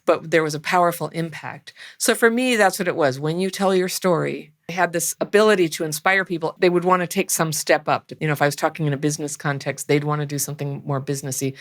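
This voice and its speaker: A woman in her fifties with a low voice speaks as an interview guest. She talks in a casual, animated way, acts out what she once thought and laughs often. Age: 50s.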